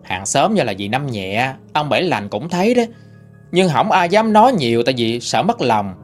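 A man's voice: medium pitch, big pitch swings, normal speed, faint music behind. A man narrating listener stories in a conversational storytelling manner. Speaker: ghost story channel narrator. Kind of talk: reading listener-sent stories.

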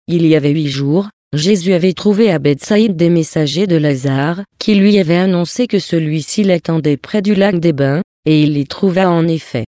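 A reader gives a steady, even scripted narration of a religious text. The tone is mellow and warm, and the recording is dry, with no room sound. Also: mid-range voice, normal speed, hardly any pauses, dry recording. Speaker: audiobook reader.

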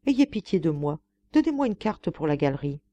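A woman's voice: low voice, very animated, a little fast, dark tone, muffled recording. A woman reader voicing a poor, frail old retired actress who speaks humbly and pleadingly in an audiobook.

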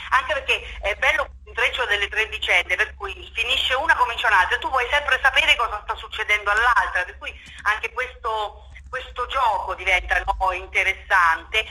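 Interviewed on radio, a theatre director talks off the cuff in a mid-range, sharp-toned voice, captured on a low-quality recording. She's emphatic and impassioned, repeating words and seeking agreement.

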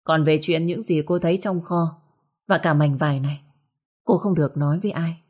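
Woman voicing a young second son, curt, firm, sharp-spoken, lowish voice. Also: fairly even intonation, moderate pace, breathy edge. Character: young man, protective stern second son.

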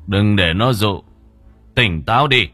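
A man voicing a calm, commanding old male exorcist master who speaks in stern, measured words. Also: on the low side, dry recording, faint music behind, heavily acted.

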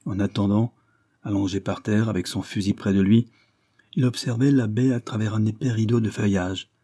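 Low husky male audiobook narrator. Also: fairly even intonation, moderate pace, dark tone. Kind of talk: scripted narration.

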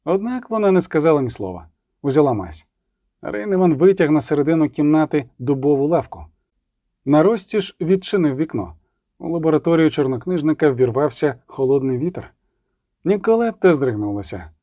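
A man reading a fantasy novel as an audiobook narrator, steady and expressive. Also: fairly high pitch, fairly quick, no room sound, studio quality. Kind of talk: scripted narration.

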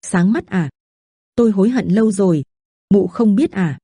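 A woman's voice: medium pitch, animated, normal speed, warm tone, husky, dry recording, studio quality. A woman voicing a bitter, drunken male teacher who hisses cold, scornful words. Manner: cold, scornful, hissing through teeth.

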